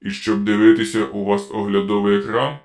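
A man's voice: on the low side, fairly even intonation, brisk, close to an everyday voice. Man doing a metallic robot police car voice. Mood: cold commanding. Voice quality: metallic, mechanical. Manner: curt, commanding interrogation. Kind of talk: audiobook reading.

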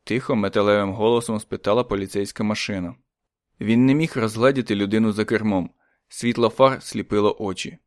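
A man narrating a story in a calm, measured audiobook reading. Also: lowish voice, dry recording.

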